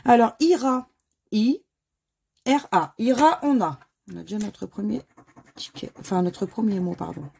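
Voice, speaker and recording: A woman from France commenting as she scratches lottery tickets, spelling out letters one by one in a slightly hoarse voice. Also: medium pitch, a little slow, dark tone. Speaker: scratch-card video host. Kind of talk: casual scratch-card commentary.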